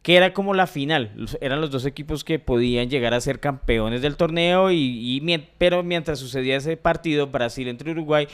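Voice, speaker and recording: A man's voice: fairly high pitch, fairly quick, hardly any pauses, clear, resonant tone. A man with a Colombian accent, co-hosting a podcast in slangy, joking casual chat. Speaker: podcast co-host.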